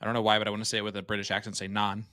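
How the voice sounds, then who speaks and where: A man's voice: on the low side, flat delivery, very fast, pushed and bright, no echo, clean studio sound. A man giving live darts commentary with joking banter.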